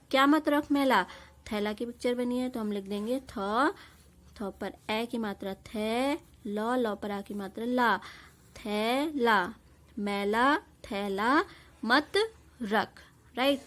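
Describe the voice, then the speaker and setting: A fairly high-voiced young woman teaching a kindergarten lesson at a very slow pace. She sounds out every letter and vowel sign, then says the whole word again. She asks the children questions and praises their answers.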